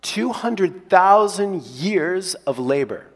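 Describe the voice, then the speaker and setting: Guy preaching in a big echoey hall, kinda higher voice, husky, keeps repeating the big points then going real quiet. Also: animated, takes it slowly. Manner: emphatic, repeats key phrases, drops to hushed tones. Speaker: pastor. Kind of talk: sermon. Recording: long hall reverb.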